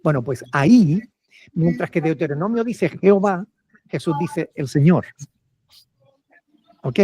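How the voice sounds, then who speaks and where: A man's voice: fairly high pitch, animated, a little slow, warm tone, slightly rough, dry recording. A male pastor with a Peruvian Spanish accent, patiently answering questions from church members and often checking with "ok?".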